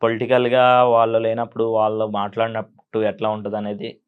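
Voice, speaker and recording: A man working as a mimicry artist, answering interview questions in a soft-spoken, halting way. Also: fairly low pitch, completely flat delivery, clear, resonant tone, phone-quality sound. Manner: soft-spoken, halting explanations, frequent laughs. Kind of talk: casual interview talk. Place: interview studio.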